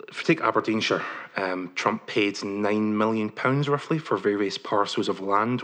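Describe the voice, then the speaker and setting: A man, a journalist answering interview questions in a measured way, with many pauses and ums. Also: on the low side, sharp tone. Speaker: journalist guest.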